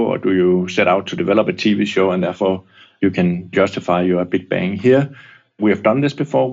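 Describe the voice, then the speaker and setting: Deep gravelly man, lo-fi recording. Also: darkish tone. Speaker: interviewed former company director. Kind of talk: explaining in an interview.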